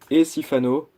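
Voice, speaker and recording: A man talks his way through an unboxing in a relaxed, rambling way. He keeps stopping, restarting and adding little asides. His voice has a soft, mellow tone. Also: fairly high pitch. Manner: chatty, hesitant, full of restarts and asides. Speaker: YouTuber. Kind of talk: casual unboxing chat.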